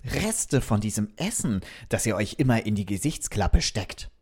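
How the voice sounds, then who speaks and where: A man's voice: lowish voice, moderate pace, slightly rough, full character voice. A man voicing a friendly, curious robot from another planet, telling a children's story and asking the kids questions. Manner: lively, talks directly to the kids with questions.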